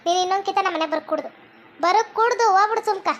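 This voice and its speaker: A woman playing an angry wife in a comedy skit, scolding loudly. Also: extremely high pitch, fast talker, slight background noise. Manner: scolding, loud, insulting.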